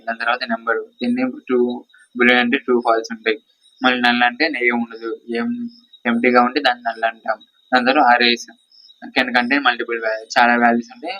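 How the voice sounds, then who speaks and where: A man's voice: medium pitch, sharp tone, no echo, rough recording. A man with a Telugu accent teaching a screen-share coding lesson. He explains by pointing at parts of the screen, repeats himself and keeps checking that his students follow. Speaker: course instructor.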